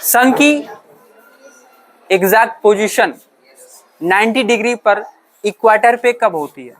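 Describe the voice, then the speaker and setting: A male teacher lectures his class in a high, slow, slightly bright voice. He poses questions and answers them himself, sprinkles English terms into his speech, and keeps checking that the students are following.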